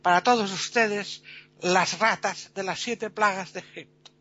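A woman playing a pompous fairground showman, drawing out each word in a slow, grand, bright announcing voice. The recording sounds dull and lo-fi. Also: medium pitch, fairly even intonation. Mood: grandiose.

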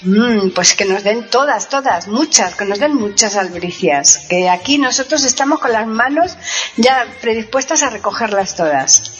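A woman's voice: on the high side, lively intonation, normal speed. Woman radio co-host, music behind. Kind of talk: casual presenting and chat.

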